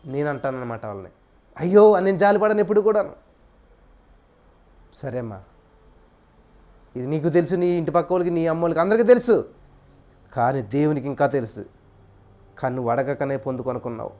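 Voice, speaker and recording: A man's voice: a little high, expressive, brisk, long pauses, darkish tone. A man preaching a sermon, telling a story with repetitive, emphatic phrasing.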